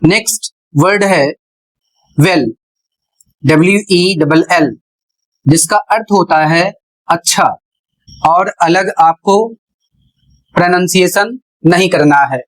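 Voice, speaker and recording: A man's voice: high-pitched, takes it slowly, long pauses, low-quality recording. A man teaching as an English pronunciation teacher, explaining patiently step by step and spelling words out letter by letter. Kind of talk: explanatory lesson.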